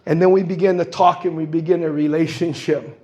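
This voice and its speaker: His voice is a little high and darkish in tone, with fairly even intonation and a fairly quick pace, on a muffled recording. A man from Guam in his sixties, he offers impassioned public comment in a meeting hall, storytelling and performing the voices of people he quotes.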